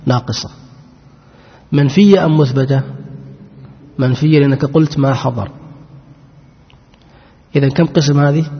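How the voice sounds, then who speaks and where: A male teacher gives a grammar lesson in a husky, slightly breathy voice. He poses questions and answers them himself, stretching out each example phrase. The recording is muffled and lo-fi, with a long echo trailing through a large hall. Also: mid-range voice. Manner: asks and answers his own questions, drawls out example sentences.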